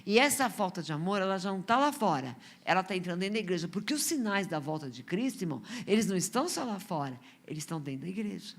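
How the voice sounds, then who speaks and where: A woman's voice: on the low side, big pitch swings, quick pace, hardly any pauses. A Brazilian woman missionary with a Brazilian accent preaching in church, in a conversational way, with many rhetorical questions and stumbling repeats. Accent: Brazilian Portuguese. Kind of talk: sermon.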